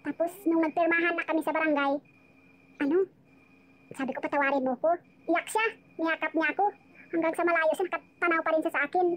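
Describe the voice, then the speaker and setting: A woman's voice: very high voice, little pitch movement, fast talker, pauses often, a bit bright, slight background noise. A woman casually telling her life story on a live chat, rambling and emotional, often restarting her sentences.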